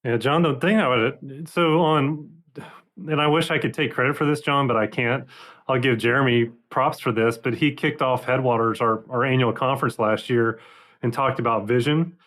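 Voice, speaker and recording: Male panelist, middle pitch, casual professional conversation. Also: fairly even intonation, moderate pace, a bit bright. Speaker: panel guest.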